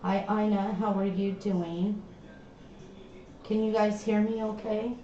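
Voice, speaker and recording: Slow-talking woman sounding inside a tin can. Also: medium pitch, fairly even intonation, mellow. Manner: slow, chatty, trailing off mid-sentence. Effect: hollow tinny sound, like inside a tin can. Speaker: livestream host. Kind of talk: casual livestream chat while crafting. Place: home craft room. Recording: echoey, dull lo-fi stream audio with faint background noise.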